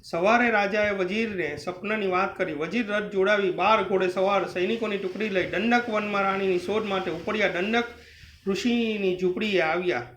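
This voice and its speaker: A man narrating a devotional story in a steady, earnest way. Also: high-pitched, moderate pace, a little hiss or hum. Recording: roomy, slightly dull recording.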